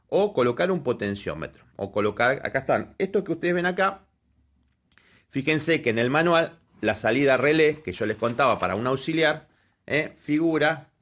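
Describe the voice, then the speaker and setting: Instructor, male, patient step-by-step explainer, mid-pitched voice. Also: fairly bright tone. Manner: explanatory, checks in with frequent "¿sí?" and "fíjense". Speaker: electrical workshop instructor. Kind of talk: hands-on technical lesson.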